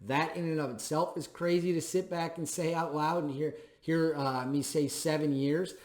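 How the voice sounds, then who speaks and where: A man's voice: on the high side, steady tone, moderate pace, a little mellow. A thirty-year-old man hosting a show, speaking an emphatic, plainspoken commentary monologue and repeating phrases for stress. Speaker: show host. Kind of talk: opinion commentary monologue to camera.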